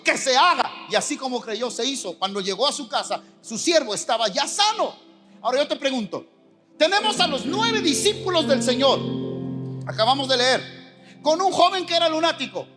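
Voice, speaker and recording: Mexican pastor, high voice, lively sermon delivery acting out voices, music playing underneath. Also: male voice, normal speed. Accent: Mexican Spanish. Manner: animated, acts out quoted voices. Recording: music behind the preaching.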